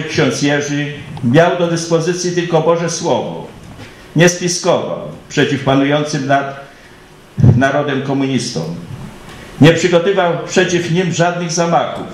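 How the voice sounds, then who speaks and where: Solemn man giving an echoey ceremonial speech. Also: a little high. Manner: solemn, formal, declamatory. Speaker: ceremony speaker welcoming guests. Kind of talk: formal commemorative welcome speech, read out.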